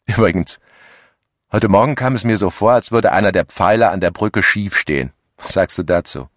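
An uneasy middle-aged office worker who muses aloud in a hesitant way, read by a man in his own very low voice. The recording is dry, with no room sound. It sounds like an audiobook. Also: normal speed, fairly bright tone, no room sound, lightly acted. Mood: musing. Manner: hesitant, musing.

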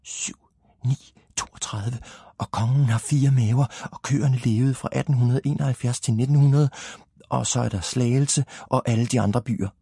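A man voicing a pale little schoolboy who runs past mumbling his lessons, husky and hurried. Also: medium pitch, fairly even intonation, dark tone, no echo, clean studio sound. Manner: mumbling, rushed.

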